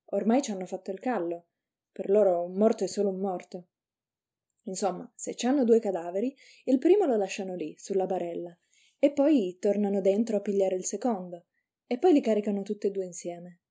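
Woman reading a story, very dark mellow voice. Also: mid-range voice, fairly quick. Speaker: narrator.

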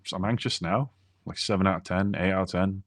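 Man, very low voice, dry close sound, reflective podcast chat, restarts often. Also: brisk, no room sound. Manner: reflective, talks through personal experience with restarts. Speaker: podcast co-host.

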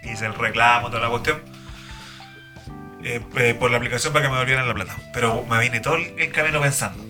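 A man's voice: mid-range voice, fast, pushed and bright, faint music behind. A young man with a Chilean accent, a guest in a casual chat, telling a story in slangy talk full of fillers and repeated tags. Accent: Chilean Spanish. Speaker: guest, driver.

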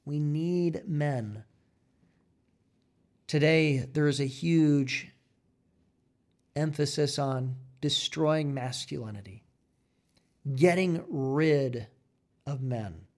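Fiery preacher man, higher-pitched voice. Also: very slow, long pauses. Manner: forceful, repetitive exhortation with rising emphatic peaks. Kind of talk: fiery sermon.

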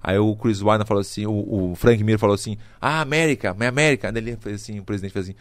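A middle-aged Brazilian man telling a story casually, animated and slangy, acting out what people said. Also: fairly low pitch, rapid-fire, no echo. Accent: Brazilian Portuguese. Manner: animated, slangy, acts out quotes.

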